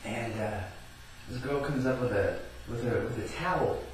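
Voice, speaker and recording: A man casually telling a personal story, rambling with lots of fillers and building to excited yelling. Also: mid-range voice, moderate pace, a little hiss or hum. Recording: very echoey room, far from mic.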